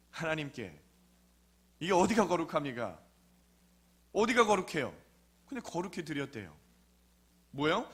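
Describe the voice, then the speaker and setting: A man delivers a sermon in a lively, chatty storytelling manner and keeps tossing questions at his listeners. His voice sits high for a man, with a bright, forceful edge to it. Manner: conversational storytelling, rhetorical questions. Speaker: pastor.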